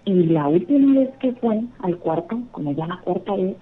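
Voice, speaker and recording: A woman's voice: medium pitch, animated, normal speed, slight background noise. A woman earnestly telling a rambling personal ghost story, calling in by phone. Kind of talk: casual storytelling. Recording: phone line.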